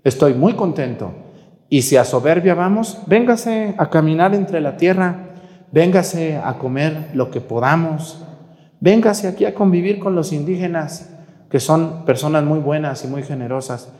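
A man's voice: fairly high pitch, animated, unhurried, darkish tone, echoey room, in a large hall. A man with a Mexican accent preaching a sermon during Mass. He scolds the viewers bluntly and asks many rhetorical questions. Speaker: priest.

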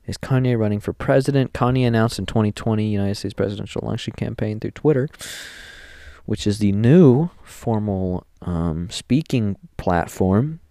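A man's voice: lowish voice, normal speed, gravelly, mellow, no echo, studio quality. Rambling young man hosting a podcast. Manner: rambling, joking, thinks aloud. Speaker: podcast host. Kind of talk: casual solo commentary.

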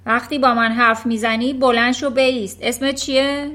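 A booming, blustering headmistress bellows insults at a pupil, as a woman storyteller puts her on. The voice is pushed high and very loud, and it stays harsh and scornful. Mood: furious. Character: bullying, furious giant female headmistress.

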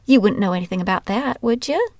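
A woman's voice: medium pitch, animated, fast, darkish tone, no room sound, studio quality, natural voice. A woman voicing a cruel, spiteful female schoolteacher who drawls and mocks a child. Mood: mocking. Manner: mocking, drawling.

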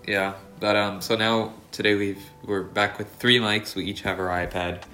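A man's voice: lowish voice, fairly even intonation, moderate pace, bright, forceful tone. A man co-hosting a casual podcast chat, with a nasal voice, stuffy from allergies, rambling with many fillers and restarts. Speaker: podcast co-host. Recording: echoey room.

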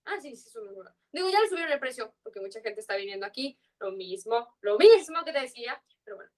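Speaking fast in a slightly high, animated voice, a woman in her twenties from Yucatán, Mexico, drifts through casual podcast chat. She has a pronounced Yucatán Mexican Spanish accent and leans on slang and fillers.

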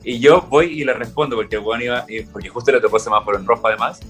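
A man's voice: mid-range voice, quick pace, soft background music. A young Chilean man chatting casually, telling stories and acting out what people said. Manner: relaxed storytelling, acts out quoted lines. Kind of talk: casual chat.

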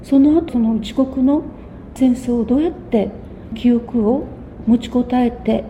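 A woman in her sixties answering interview questions in a measured, thoughtful way, often pausing mid-phrase. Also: fairly high pitch, warm tone, slight background noise. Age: 60s. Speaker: guest.

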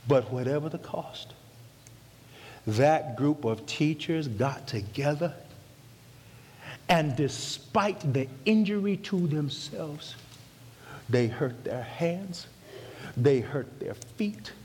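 Male pastor, slow and fervent sermon storyteller, loud then hushed, church hall echo. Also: fairly high pitch, lively intonation, breathy edge.

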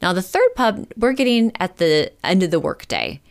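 A woman's voice: fairly low pitch, big pitch swings, normal speed. A woman telling a story in a chatty, casual way, with lots of filler words and the odd swear. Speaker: podcast storyteller.

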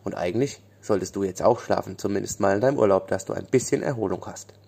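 Little female fairy, kind, gentle, soothing bedtime tone, mellow, as a male reader puts her on. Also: on the low side, fast, gravelly.

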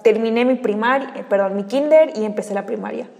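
A chatty Mexican woman with a fairly high voice, talking casually with many fillers. Her words hang in a long reverb from the room. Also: fast, mellow. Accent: Mexican Spanish. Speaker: interviewee, aunt. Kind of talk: casual conversation.

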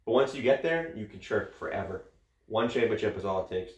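A man with a fairly low voice talks in a blunt, profane and jokey way. He is answering questions in a casual podcast chat. The sound bounces around an echoey room. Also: lively intonation, brisk.

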